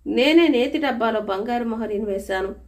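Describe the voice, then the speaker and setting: A woman voicing a shrewd, wise male royal minister who speaks calmly and turns stern, in a storybook reading. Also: on the high side, normal speed, lightly acted. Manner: calm, persuasive, stern when warning.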